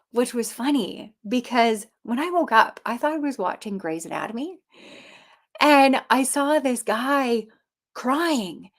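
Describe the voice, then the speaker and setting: A woman from Canada telling her own story in casual talk, animated, with many fillers and restarts. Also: fairly high pitch. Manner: animated, acts out voices in quoted dialogue. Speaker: personal storyteller.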